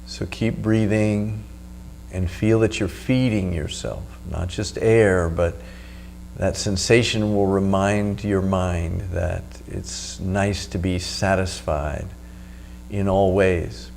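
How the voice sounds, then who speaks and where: A man with a fairly low voice guides a meditation practice. He speaks as a teacher, giving instructions unhurriedly and leaving pauses. A faint hum sits behind his voice. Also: steady tone, gravelly, a little mellow. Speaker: meditation teacher and video host. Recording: noticeable background hum.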